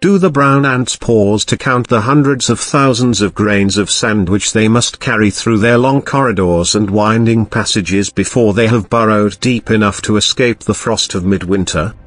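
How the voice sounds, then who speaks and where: A man reading an audiobook aloud in a measured, old-fashioned storytelling manner. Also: lowish voice, fairly bright tone, dry recording. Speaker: audiobook narrator. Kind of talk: scripted audiobook narration.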